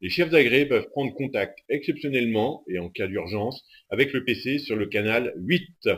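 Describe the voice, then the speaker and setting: Man calmly narrating a training lesson. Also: mid-range voice, normal speed. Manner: steady, methodical delivery. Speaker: instructor. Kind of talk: scripted instructional narration.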